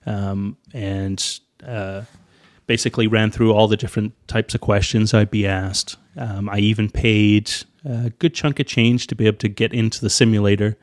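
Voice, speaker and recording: Northern Irish man, pilot guest, lower register, animated raconteur who mimics others. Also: moderate pace. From Northern Ireland. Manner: animated storyteller, acts out quoted voices with big pitch jumps. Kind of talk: casual interview storytelling.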